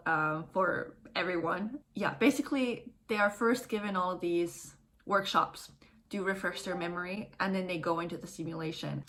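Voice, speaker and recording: A woman's voice: mid-range voice, a bit bright. A woman in her twenties chatting casually to a vlog audience, explaining things informally as she goes. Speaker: vlogger, first-year medical student.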